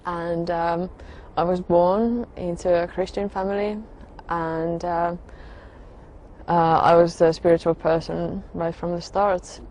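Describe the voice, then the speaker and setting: A soft-spoken woman tells her own story slowly and haltingly, pausing often to find her words. Her voice sits fairly low and stays quite flat in pitch. A faint hum of room noise lingers behind her. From Finland. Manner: hesitant, halting, with frequent pauses and fillers. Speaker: religious convert sharing her story. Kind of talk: personal testimony.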